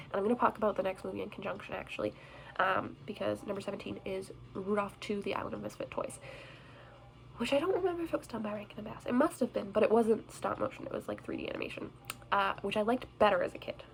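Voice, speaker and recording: A woman's voice: medium pitch, gravelly, rough recording. A young woman chatting casually on a vlog, bubbly and self-deprecating, recorded indoors. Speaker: vlogger. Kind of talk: casual chat reviewing movies. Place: indoors in front of a Christmas tree.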